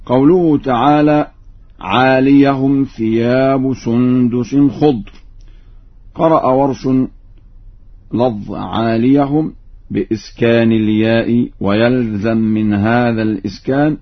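A man teaches recitation variants, explaining each in measured speech and then chanting the examples slowly and melodically. His voice is medium-pitched and steady, and the recording sounds muffled.

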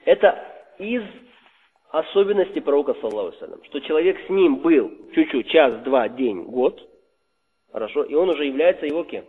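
A man's voice: a little high, expressive, a little fast, slightly rough. A man giving a religious lesson, posing rhetorical questions and answering them himself while repeating key terms. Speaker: religious teacher. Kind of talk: religious lesson explaining a text. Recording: reverberant hall over a tinny phone-like line.

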